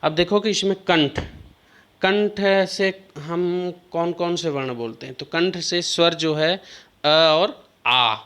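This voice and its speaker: A male teacher with a fairly high voice takes an unhurried pace through a class lesson. He explains each point patiently and keeps checking that his students are following. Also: fairly bright tone. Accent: Hindi. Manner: slow, repeats "ठीक ना" as a check-in.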